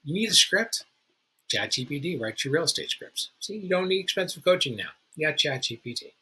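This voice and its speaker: A man's voice: on the high side, lively intonation, a little fast, bright, forceful tone, slightly rough, low-quality recording. A man who hosts a real estate channel, giving a casual, informal how-to talk to other agents in a chatty way, often restarting his sentences. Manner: informal, chatty, self-correcting. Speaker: realtor and channel host.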